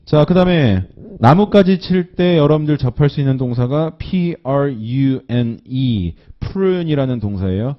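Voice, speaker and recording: A man teaching an English listening class, slowly repeating phrases and checking in with students after nearly every line. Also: mid-range voice, lively intonation. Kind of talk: recorded online lecture. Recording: dull lo-fi lecture recording.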